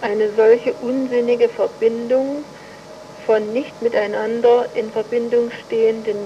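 A woman slowly dictating an academic text, in a measured way and reading punctuation marks aloud. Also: fairly high pitch, flat delivery, slight background noise. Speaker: dictation reader. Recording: muffled lo-fi recording.

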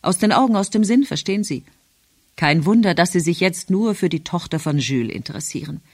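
A woman voicing a smug, gossiping young man in an audiobook, brisk and confiding. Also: lowish voice, expressive, dry recording, clean studio sound.

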